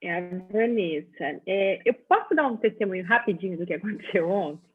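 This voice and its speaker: A woman on a video call telling a lively testimony, laughing as she goes. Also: medium pitch, a little fast, slightly rough. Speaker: church member giving a testimony. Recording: tinny, phone-like video call audio.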